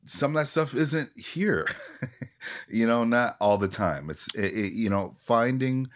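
A man's voice: medium pitch, lively intonation, measured pace. A man in his late forties, an actor talking candidly and reflectively in a conversation, often restarting his sentences. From Minneapolis area. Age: 40s. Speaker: actor, guest.

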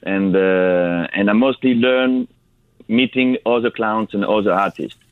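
A man answers radio interview questions in halting, non-native English. His voice is on the low side, heard dry through a thin telephone-like band. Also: clear, resonant tone, dry recording. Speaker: circus clown, guest. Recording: dry, phone-like band-limited sound.

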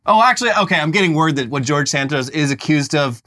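Sarcastic man with a lively, bright voice. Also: on the high side, fast talker. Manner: mock-outraged, sarcastic, swings from loud rants to mumbles. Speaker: podcast co-host. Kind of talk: comedic political banter.

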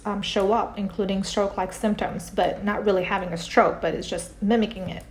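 A middle-aged woman from the Philippines speaks as a podcast guest, calm and reflective as she tells her story. Her voice has a gravelly, fried edge. She sits at a middle pitch for a woman. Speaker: guest, parent coach and author. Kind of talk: podcast interview.

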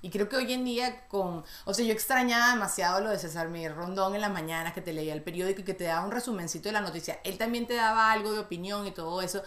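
Fast-talking Venezuelan woman host. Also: mid-range voice, a bit bright. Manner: chatty and quick, laughs easily. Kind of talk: casual interview chat. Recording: roomy echo.

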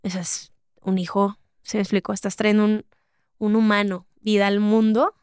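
A woman's voice: mid-range voice, level tone, moderate pace, darkish tone, clear, resonant tone, no room sound, studio quality. A young woman in her twenties from Monterrey with a Mexican accent, a guest talking thoughtfully in a casual interview, often saying "o sea" and "¿sabes?". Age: 20s. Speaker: guest, singer.

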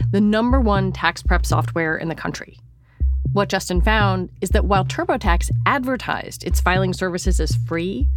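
A woman with an American accent presenting a podcast as host, in scripted narration. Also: medium pitch.

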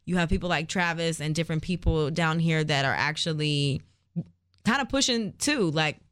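Smooth-voiced man, dry sound. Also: fairly high pitch, normal speed, a bit bright, no echo. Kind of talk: casual chat.

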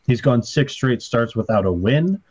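A man co-hosting a sports betting podcast, laying out stats in a measured, steady way during casual chat. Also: medium pitch, slightly rough, muffled recording. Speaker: podcast co-host.

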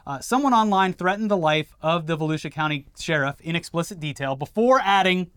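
A man from Florida co-hosting a news commentary show, his voice fairly high for a man. He reads quotes and explains the background with wry asides. The sound is dry and close-miked. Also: brisk, a bit bright, clean tone, no echo. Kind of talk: casual news commentary chat.

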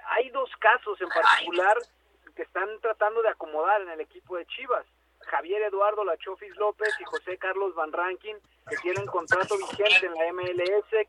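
A man with a Mexican accent giving a live sports report over the phone. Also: sits high. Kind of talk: live spoken news report. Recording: thin, tinny phone line.

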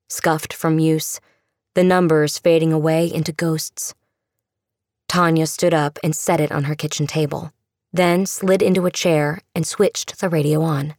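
A woman's voice: low-pitched, a little mellow, dry recording, clean studio sound. A woman reading a scripted, dramatic fiction narration as an audiobook narrator.

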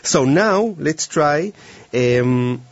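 Here the Israeli mentalist sounds higher and animated as he works through a mind-reading act with a volunteer, speaking English in a hesitant, non-native way. The audio is dry and dull, with no room sound.

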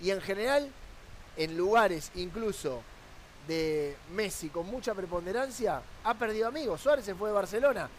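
A man's voice: high voice, normal speed, a little hiss or hum. A man with an Argentine accent, a sports journalist arguing his point on a football talk panel with rhetorical questions.

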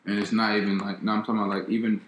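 A man with a somewhat low voice talks through ideas in a casual chat. He stays mostly monotone and circles back over his own sentences. The room around him is echoey. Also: racing, a little hiss or hum. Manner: mostly monotone, rambling with restarts. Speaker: co-host.

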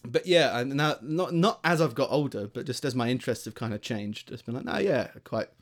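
A man's voice: mid-range voice, a little fast. A man from Greater London with a southern English accent, chatting as a podcast co-host in a rambling, jokey way with casual swearing. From Greater London, England. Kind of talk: casual comedic banter.

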